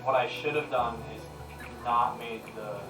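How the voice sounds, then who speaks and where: A man chatting casually while building in a game with friends, upbeat and quick to laugh, reading viewers' comments aloud. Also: mid-range voice, over music. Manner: upbeat, laughs easily, animated. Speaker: streamer reading chat. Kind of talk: casual gaming chat. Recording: echoey, distant, faint noise.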